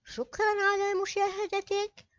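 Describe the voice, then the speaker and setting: A woman teaching a children's reading lesson, reading slowly and carefully and drawing out each word. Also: very high voice, monotone, a bit bright. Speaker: primary school teacher. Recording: dull lo-fi recording.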